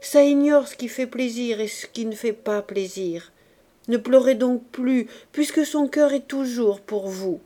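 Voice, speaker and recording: A woman's voice: a little high, a little slow, warm tone, close to an everyday voice. A woman reading an audiobook, voicing an older aunt who soothes and chatters. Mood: soothing. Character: older woman, fussy retired embroiderer aunt.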